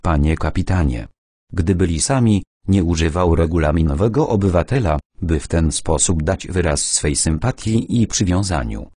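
A man narrating an audiobook in a measured, expressive storytelling manner. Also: deep voice, no room sound, studio quality.

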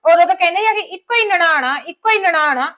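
An actress playing a resentful daughter-in-law who complains bitterly about family money and a wedding. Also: female voice, very high voice, animated, brisk, sharp tone, exaggerated voice. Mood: complaining. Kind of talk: village family drama acting.

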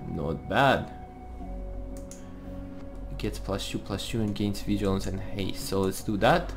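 A man's voice: lowish voice, a little slow. A man giving casual gameplay commentary, thinking aloud as he plays. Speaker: host of a card game let's play series. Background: music.

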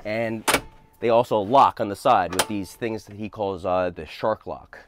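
A man's voice: lowish voice, a little slow, noisy background. Chatty young man touring his work van. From New Jersey. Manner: relaxed, chatty, many fillers and restarts. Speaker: plumber giving a van tour. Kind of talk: casual show-and-tell. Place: inside and beside a work van, outdoors.

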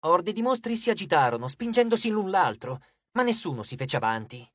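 A man narrating an audiobook with a fairly high voice and an even, clear storytelling manner. The sound is close and dry, with no room around it. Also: fairly quick, no echo. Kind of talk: scripted narration.

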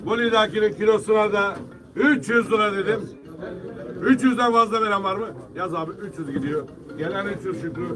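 High-voiced male auctioneer in a loud crowd. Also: brisk. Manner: repetitive sales calls addressed to the gathered buyers. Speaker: fish auctioneer. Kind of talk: live auctioneer calling prices and selling lots to bidders. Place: busy fish market auction. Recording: distant mic amid loud market crowd. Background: loud crowd of buyers.

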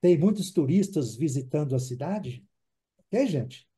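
Male teacher, higher pitch, very mellow tone; patient drill style, constant check-ins. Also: sing-song, a little slow, breathy edge. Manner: patient, repeats words for drilling, keeps checking in with the class. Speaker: English teacher. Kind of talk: online English class in Portuguese.

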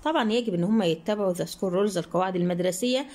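Egyptian woman teacher explaining quickly. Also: mid-range voice, darkish tone. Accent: Egyptian Arabic. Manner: reads English prompts slowly, then explains quickly with rhetorical questions. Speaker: English teacher. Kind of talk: exam-answer lesson in Egyptian Arabic.

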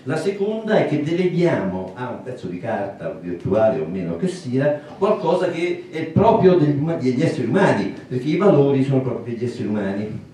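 Man, 60s, lecturing to a small audience; mellow, lively pitch, very reverberant distant recording. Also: slight background noise. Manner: thoughtful, pausing, with many fillers and restarts. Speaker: speaker at a public talk. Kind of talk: public lecture. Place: small meeting room, indoors. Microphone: handheld mic, recorded by a far camera. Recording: roomy echo from a distant camera.

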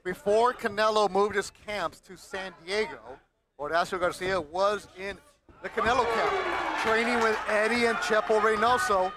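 A man with a high voice calls a boxing match as play-by-play commentator. He talks in short, clipped phrases, with a clearly audible crowd behind him. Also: steady tone, moderate pace. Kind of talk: live sports commentary. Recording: live event with crowd noise behind.

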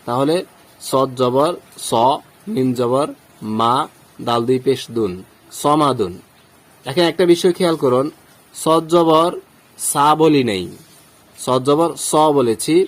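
A male Quran teacher from Bangladesh explains pronunciation rules slowly and patiently. He repeats every example, and his pitch sits at an ordinary middle level. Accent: Bangladeshi Bengali. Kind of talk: step-by-step tajweed lesson.

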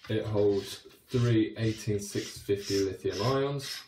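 A deep-voiced man in his thirties talks through a product review in a loose, chatty way, full of fillers and restarts. His voice rings with the echo of a small, hard-walled room. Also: takes it slowly, a little mellow, a little hiss or hum. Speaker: cycling light reviewer. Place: small wooden shed, then a home room.

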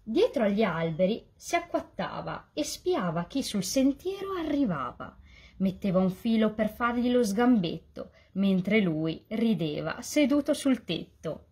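A woman reading a rhyming children's story aloud as a volunteer reader, in a lively, sing-song delivery. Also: medium pitch, a little slow, husky.

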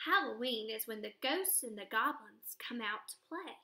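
A woman's voice: on the high side, animated, normal speed, bright, forceful tone, roomy sound. A woman reading aloud, voicing a cheerful, teasing male school janitor in a storybook. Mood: chatty. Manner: chatty, teasing.

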